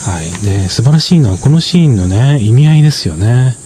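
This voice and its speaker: With an animated, mid-range voice, a male drama reviewer offers casual explanations at a measured pace, full of fillers and soft tag particles. A little hiss or hum can be heard.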